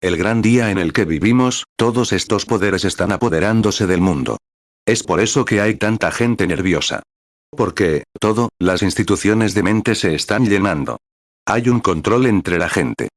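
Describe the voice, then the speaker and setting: A man reading a translated sermon aloud in a steady, measured way, calling out verse and paragraph numbers as he retells scripture stories. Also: lowish voice, no echo. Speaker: sermon reader.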